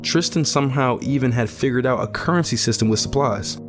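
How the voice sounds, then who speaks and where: Over background music, a man with a medium-pitched, fairly everyday voice speaks a little fast in a post-apocalyptic audio drama. He plays a weary, reflective young betting clerk, handling narration and dialogue in a subdued, polite manner.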